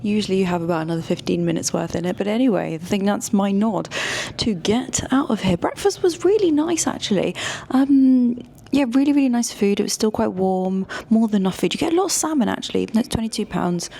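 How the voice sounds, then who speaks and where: A woman, casually reviewing a hotel stay in a chatty, candid vlog from her hotel room. She often slips into soft, near-whispered asides. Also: medium pitch, lively intonation, a little fast, gravelly. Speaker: hotel and food reviewer, channel host. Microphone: small wireless clip-on mic.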